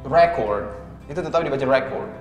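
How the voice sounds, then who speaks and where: A man with an Indonesian accent teaching English pronunciation in casual chat, patiently explaining and slowly modeling words. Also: mid-range voice, expressive. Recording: echoey room with guitar music.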